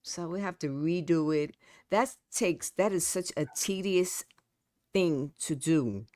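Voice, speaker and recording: A middle-aged woman with a New York accent, a poet and author appearing as a guest, chats casually, repeating words and trailing off. Her lowish voice is slow and dark, recorded at studio quality with no echo.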